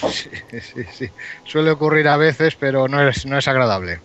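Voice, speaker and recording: Give me a calm man explaining things step by step on a radio show. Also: mid-range voice, moderate pace, a little hiss or hum. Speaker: association advisor guest. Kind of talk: casual radio interview. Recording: dry, dull lo-fi sound.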